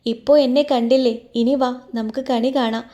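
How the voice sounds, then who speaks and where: A woman's voice: a little high, level tone, moderate pace, warm tone, natural voice. A woman voicing a coaxing young woman, Meenu. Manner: coaxing, affectionate.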